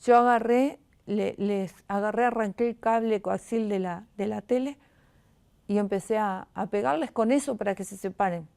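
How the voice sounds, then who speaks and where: A middle-aged woman with a Rioplatense Spanish accent gives an emotional personal testimony as an interview guest. She speaks haltingly and often restarts her sentences. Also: medium pitch, vocal fry, darkish tone, clean tone.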